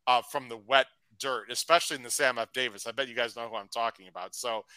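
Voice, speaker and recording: A man hosting a live racing podcast, chatty and upbeat, reading out shout-outs to viewers. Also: mid-range voice, steady tone, quick pace, clear, resonant tone, no echo, poor audio. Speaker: podcast host. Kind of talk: casual live-stream chat.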